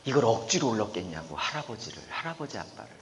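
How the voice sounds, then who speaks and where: Animated Korean pastor preaching. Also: male voice, on the low side, quick pace, long reverb tail. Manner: animated, swinging from soft murmurs to loud exclamations. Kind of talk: sermon. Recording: dull lo-fi recording with faint room noise.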